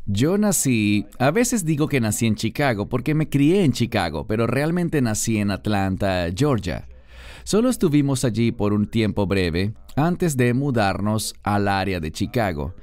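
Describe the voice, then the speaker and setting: A man being interviewed as a guest tells his personal story in an earnest, storytelling way, heard as a Spanish voice-over. His voice is lowish with a darkish tone, and the recording is dry.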